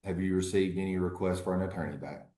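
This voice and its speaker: A man speaking as an attorney in a courtroom recording, formally questioning a witness in a measured, halting way. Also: low voice, steady tone, warm tone, echoey room. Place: courtroom hearing.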